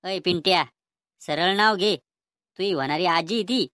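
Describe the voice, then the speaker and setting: A woman's voice: fairly low pitch, moderate pace, very noisy, lightly acted. A woman doing a stubborn old grandfather. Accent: Vidarbha Marathi. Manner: gruff, threatening, defiant. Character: stubborn bossy old grandfather wanting to marry. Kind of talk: cartoon comedy voice acting.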